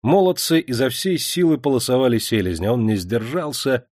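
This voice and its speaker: A man reading a novel aloud as narrator, in a measured storytelling voice. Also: medium pitch, big pitch swings, darkish tone, dry recording, clean studio sound. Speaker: audiobook narrator. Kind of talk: scripted narration.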